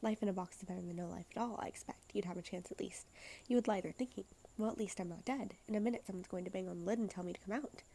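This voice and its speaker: A woman softly reading the part of an anxious, chattering male courtier from a play script, half-whispering as she rambles. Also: mid-range voice, racing, creaky, breathy edge. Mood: musing.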